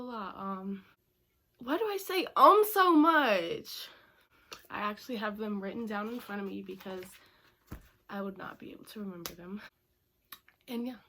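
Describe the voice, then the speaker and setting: A woman's voice: medium pitch, fairly bright tone. A young woman talking casually to her camera in a Q&A vlog, chatty and full of "like" and "um". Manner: chatty, many fillers like "like" and "um". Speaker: vlogger.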